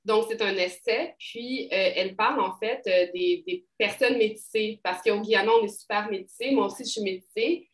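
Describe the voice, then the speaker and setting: A woman's voice: medium pitch, normal speed, hardly any pauses. Québécois woman in her thirties, loose conversational answers, recorded in a reverberant room. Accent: Québécois French. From Quebec. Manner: rambling, many fillers and restarts. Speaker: poet, interview guest. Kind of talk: casual interview talk.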